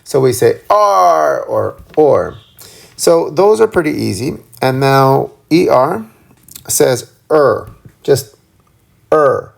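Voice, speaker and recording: A man teaching a phonics lesson, slowly sounding out letter sounds and drawing them out. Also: medium pitch, lively intonation, vocal fry, a little mellow. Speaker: reading teacher.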